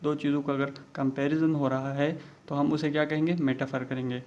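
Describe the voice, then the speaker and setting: A male teacher explaining a lesson. He mixes English terms into Hindi-Urdu, keeps checking in with "okay," and reads English example sentences slowly. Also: fairly high pitch, little pitch movement, a little mellow. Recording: dull lo-fi recording.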